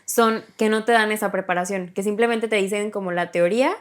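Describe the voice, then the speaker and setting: A woman's voice: medium pitch, steady tone, fairly quick. A woman hosting an interview, giving short affirmations and asking long follow-up questions. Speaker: interviewer, host. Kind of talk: conversational interview.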